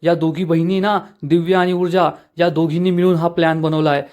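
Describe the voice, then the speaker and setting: A man voicing a furious, superstitious middle-aged mother in a dramatic serial recap, with rushed, accusing lines. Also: fairly high pitch, level tone, darkish tone, lightly acted. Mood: angry, accusing.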